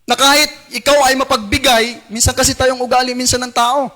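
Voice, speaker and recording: A male pastor with a Filipino accent delivers a Sunday sermon in a fairly high voice. He prompts the congregation to repeat after him and switches between Filipino and English phrases as he preaches. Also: fairly even intonation, a little fast, sharp tone. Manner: call-and-response preaching, asks congregation to repeat lines; acts out tempting whispers in a lowered voice. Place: church service.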